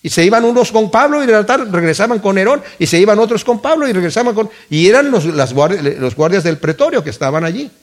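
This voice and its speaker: A man's voice: high-pitched, animated, fairly quick, hardly any pauses. A man preaching a sermon as a pastor, repeating key phrases for emphasis and reading scripture aloud.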